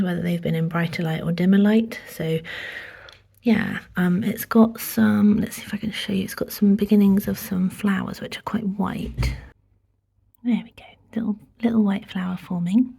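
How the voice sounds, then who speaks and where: Woman w a cold, low husky voice, kinda breathless, half whispering about her plants at home. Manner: soft, half-whispered, hesitant with many ums. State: has a cold, short of breath. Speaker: houseplant vlogger. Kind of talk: casual plant tour. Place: indoors at home among houseplants.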